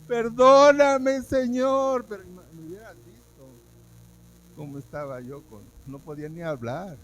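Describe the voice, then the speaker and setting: A man's voice: a little high, moderate pace, darkish tone, rough recording. A man, a pastor giving a sermon at a church service, telling his own testimony with feeling and acting out what he once said. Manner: emotional storytelling, acting out his own past words.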